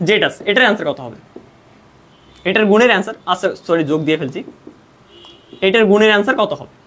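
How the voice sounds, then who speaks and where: This math tutor is a young man whose high, slightly bright voice carries a Bangladeshi Bengali accent. In his online lesson he works through problems step by step, answers his own questions, and blends English math vocabulary into Bengali speech.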